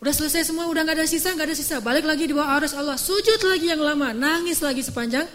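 A woman's voice: high voice, very fast, a bit bright. A woman preaching an emotional religious sermon, retelling scenes in casual, repetitive phrasing.

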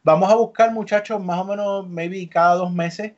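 A chatty man hosting a casual podcast, keeping the talk moving. His voice sits a bit high for a man. The audio is dull and lo-fi. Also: steady tone, moderate pace. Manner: chatty, upbeat, leading the talk. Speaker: podcast host.

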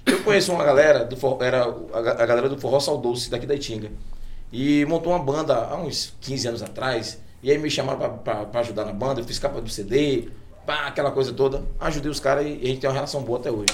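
A man's voice: mid-range voice, fast talker. A man with a Bahian Brazilian accent hosting a casual live interview chat in informal, slangy speech. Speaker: show host. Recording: roomy echo, faint background noise.

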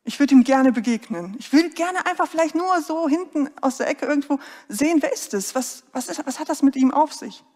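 A greedy, self-satisfied male tax collector from a Bible story, put on by a woman in mid-sermon talks offhand and slangy, brushing aside what people think of him. The voice sits fairly high. A long reverb trails after every phrase, as in a big hall. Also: animated, brisk, few pauses, warm tone. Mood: yearning.

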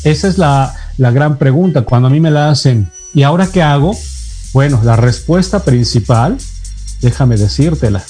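A man's voice: medium pitch, dark tone. A man coaching the listener in a motivational self-help talk, speaking directly and checking in often with short questions.

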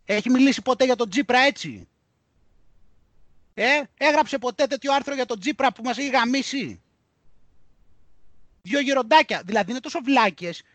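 A man hosting a podcast, talking in an animated, indignant way and reading news aloud mockingly. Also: very high voice, no echo. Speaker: podcast host. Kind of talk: heated podcast discussion.

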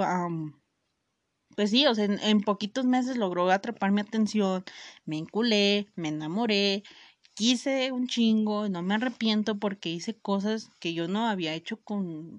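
A woman's voice: mid-range voice, no echo, highs cut off. A young woman with a Mexican accent telling a personal story to her viewers in a casual, slangy way, swearing freely and restarting her sentences often. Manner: slangy, full of fillers and swearing; frequent self-interrupting restarts. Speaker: vlogger.

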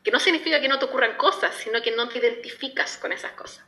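A woman's voice: fairly high pitch, quick pace, sharp tone. A woman, a spiritual coach talking casually and expressively, acting out her own inner voices. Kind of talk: casual reflective talk.

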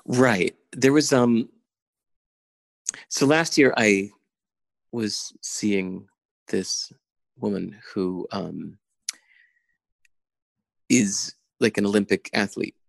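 A man's voice: fairly low pitch, extremely slow, gravelly, pauses often, dry recording. A man talking as a podcast guest in casual conversation, intense and enthusiastic, laughing often, over a remote call.

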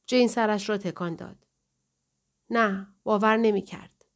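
A woman narrating an audiobook in a measured, calm storytelling manner. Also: mid-range voice.

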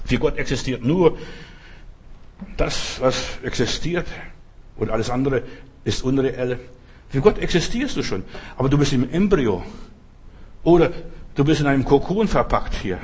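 A man's voice: mid-range voice, darkish tone, slightly rough. A man preaching a sermon, speaking emphatically and turning directly to his listeners.

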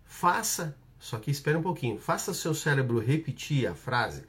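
A man's voice: mid-range voice, big pitch swings, normal speed, a bit bright. A man with a Brazilian Portuguese accent who coaches a live audience through an exercise. He repeats his instructions and checks in with short tags. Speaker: coach hosting a live session.

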